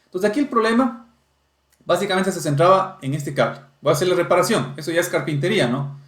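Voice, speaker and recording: Male instructor, step-by-step explainer; slightly high pitch, roomy echo. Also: animated, quick pace, fairly bright tone. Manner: explanatory, checks in with "¿sí?". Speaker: automotive diagnostics instructor. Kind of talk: technical lesson walkthrough.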